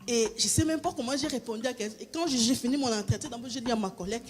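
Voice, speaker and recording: A woman's voice: on the high side, very fast. A woman, giving a spoken testimony with hesitant restarts and a raised voice when she acts out dialogue. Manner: hesitant, repeats words and restarts often. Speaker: church member giving a testimony.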